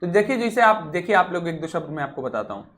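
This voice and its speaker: A man's voice: high voice, sing-song, fast, fairly bright tone. A male teacher giving a vocabulary lesson, who repeats key words and keeps asking the class rhetorical questions.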